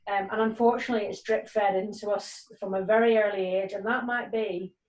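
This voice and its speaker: On a video call with roomy, distant audio, a woman in her forties who works as a police community cohesion sergeant talks earnestly, stumbling through frequent ums and restarts. She has Nigerian and Northern Irish roots and a steady, mid-range voice, speaking a little fast.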